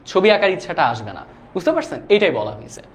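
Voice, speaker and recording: A young man runs a live online class, speaking quickly in a fairly high voice with big swings in pitch. He's casual and chatty, reads viewer comments out loud, and keeps asking "do you understand?" to check students are following.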